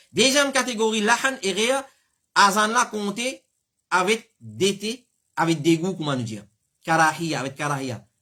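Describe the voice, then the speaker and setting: A man's voice: high-pitched, pushed and bright. A man with a Mauritian accent giving religious teaching, explaining and sounding out pronunciations himself. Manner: explanatory, demonstrates pronunciations aloud. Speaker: Islamic scholar answering questions.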